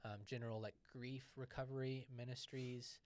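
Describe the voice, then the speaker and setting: A man of middling pitch co-hosts a podcast, chatting in a relaxed, rambling way with lots of asides. His voice is close and dry, with no room sound. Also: moderate pace, no room sound. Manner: conversational, loose, uses fillers and asides. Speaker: podcast co-host. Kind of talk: casual podcast chat.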